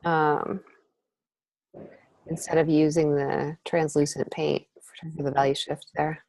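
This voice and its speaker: Lady with a low voice talking thru a painting demo, breathing heavy, dry close sound. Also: slow, gravelly, no room sound. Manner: thinking aloud, relaxed and chatty. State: breathing heavily while painting. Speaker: painting instructor. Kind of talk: live painting demonstration. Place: art studio.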